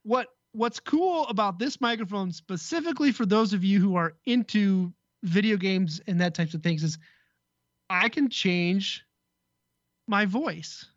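A man's voice: high-pitched, lively intonation, moderate pace, no echo, dull audio. Easygoing man explaining gear on radio. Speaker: co-host, tech guest. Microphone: desk mic with headset.

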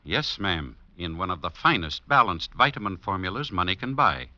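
An actor playing a reassuring family druggist in a chipper 1950s radio advertisement, with a polished sales delivery. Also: male voice, low voice, sing-song, normal speed, bright, forceful tone, no echo, exaggerated voice. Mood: upbeat, reassuring. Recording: muffled old radio recording.

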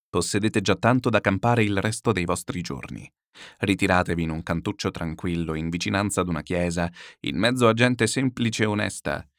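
A man voicing a calm, pious older man who admonishes gently, slow and grave. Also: fairly low pitch, no echo, studio quality. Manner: slow, grave, quietly reproachful.

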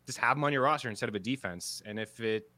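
A man with a Canadian accent, co-hosting a podcast in casual chat and thinking aloud with quick restarts. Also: mid-range voice, sharp tone, no room sound. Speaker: podcast co-host.

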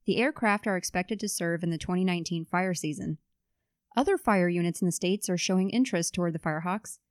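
A woman hosting a podcast, reading a scripted introduction in a clear, measured way and asking interview questions. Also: lowish voice, no echo, studio quality. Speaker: podcast host and editor.

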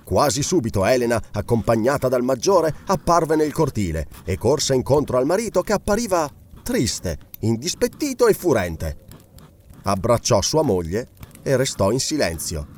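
Expressive male audiobook narrator. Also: medium pitch, moderate pace. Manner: expressive, varied storytelling.

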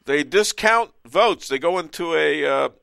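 A man hosting a call-in talk radio show who keeps the caller moving with quick agreeing interjections. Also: a little high, lively intonation, gravelly, a bit bright, no echo, clean studio sound.

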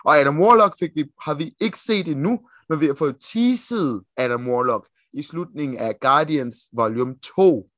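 A Danish man co-hosting a podcast in casual chat, excitable and swearing freely as he gushes about comic lore. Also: on the high side, few pauses, no echo, clean studio sound. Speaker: podcast co-host.

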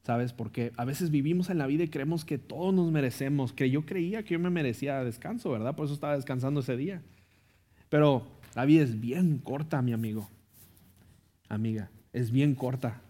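A Mexican pastor preaching in a relaxed, conversational way, checking in with his listeners as he goes. His voice sits at an ordinary middle pitch for a man. He turns earnest and pleading when he calls people to faith. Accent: Mexican Spanish. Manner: conversational, tags lines with ¿no? and ¿verdad?; earnest, pleading altar call. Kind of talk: sermon with personal story.

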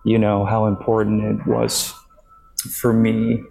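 A man from Japan speaking in a hushed near-whisper, answering interview questions casually as an actor on a remote call from a hotel lobby. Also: fairly low pitch, completely flat delivery, measured pace, gravelly, soft background music, rough recording.

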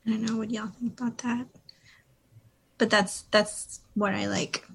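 Husky, teasing young woman. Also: fairly high pitch, little pitch movement, a little slow. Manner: teasing, encouraging, tipsy on wine. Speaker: guest. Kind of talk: casual group chat.

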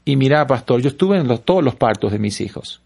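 A man's voice: mid-range voice, lively intonation, brisk, gravelly, darkish tone. A man from Paraguay, a pastor, speaking on a talk show, telling anecdotes and asking rhetorical questions. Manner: storytelling, preachy rhetorical questions.

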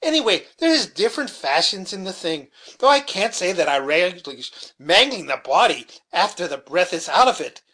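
A man's voice: sits high, big pitch swings, normal speed, few pauses, bright, forceful tone, full character voice. A man voicing a pious, scolding landlady with a rustic dialect, in an audiobook reading. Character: middle-aged female innkeeper, pious, scolding.

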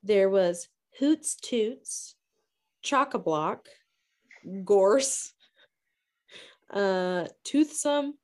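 A woman's voice: medium pitch, animated. Casual woman swearing through book chat. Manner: blunt, swears freely, quick asides. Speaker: book podcast co-host.

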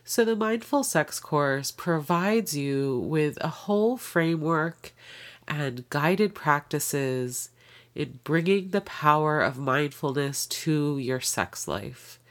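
A woman's voice: sits low, lively intonation, slow. A woman hosting a podcast while sick with a cold, her voice nasal and congested, talking in a chatty, upbeat way. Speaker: podcast host. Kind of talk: casual podcast intro.

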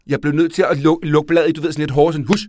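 A man co-hosting a casual comedy podcast, rambling and self-mocking, often trailing off quietly and laughing. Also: on the high side, level tone, a little hiss or hum. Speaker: podcast co-host.

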